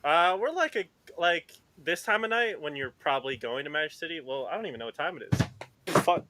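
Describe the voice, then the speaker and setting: A man's voice: fairly high pitch, expressive, a little fast, bright, forceful tone, no room sound. A young man, a podcast guest, telling a profane story in casual chat and laughing often.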